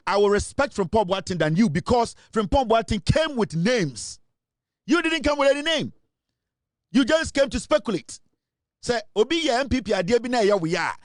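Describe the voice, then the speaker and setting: A Ghanaian man speaks as a political commentator in a forceful, insistent monologue, pressing each point hard. His voice sits high for a man. The sound is close and dry, with no room around it. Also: no echo. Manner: forceful, insistent, mixes English and Twi. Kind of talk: impassioned monologue.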